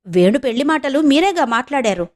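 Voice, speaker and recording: A woman's voice: high voice, lively intonation, fairly quick, voice pushed up. A woman playing a witty, teasing young wife. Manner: polite but teasing. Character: young married woman, sharp-witted and teasing.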